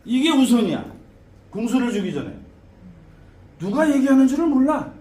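A man teaching students as a shaman teacher, lecturing in an animated way with frequent tag questions and laughter. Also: very high voice, moderate pace. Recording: echoey room with faint background noise.

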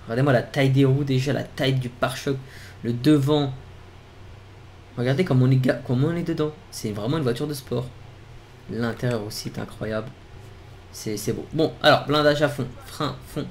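A young man giving casual gameplay commentary, talking straight to his viewers and getting excited. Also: medium pitch, normal speed, slight background noise. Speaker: gaming YouTuber.

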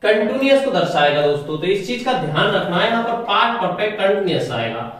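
High-voiced male teacher in an echoey room. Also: very animated, fairly quick, fairly bright tone, recorded from a distance. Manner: explains step by step, often asks the class questions and answers them. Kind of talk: classroom grammar lesson.

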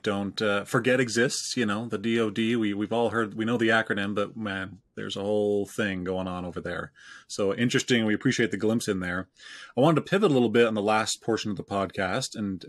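A man's voice: on the low side, no room sound. A man hosting a podcast interview, thanking his guest and steering to the next topic. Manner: friendly, steering the conversation. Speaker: podcast host.

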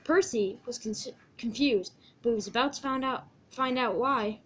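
A woman's voice: fairly high pitch, normal speed, a bit bright, a little hiss or hum. A woman narrating a homemade story about toy trains, with loose, stumbling restarts. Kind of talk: amateur fan story narration.

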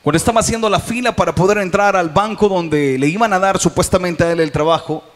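A man preaching a sermon as pastor in a church, with a Salvadoran Spanish accent, calling out to the congregation and rising to loud exhortation. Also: high-pitched, fast. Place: church hall.

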